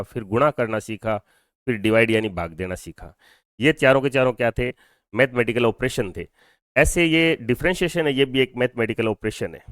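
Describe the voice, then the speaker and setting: A man's voice: mid-range voice, fairly bright tone, clear, resonant tone, no echo, clean studio sound. A man teaching a physics class in Hindi mixed with English. He explains step by step, asks questions and answers them himself, and has the students repeat terms after him. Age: adult over twenty-two. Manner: mixes Hindi with English phrases. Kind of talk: classroom lecture.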